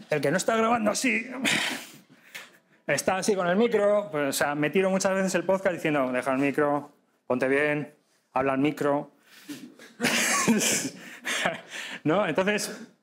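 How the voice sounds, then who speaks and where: A man teaching a live podcasting workshop to an audience, lively and demonstrative, often checking in with quick questions. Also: on the high side. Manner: lively, demonstrative, addresses audience directly with frequent tag questions.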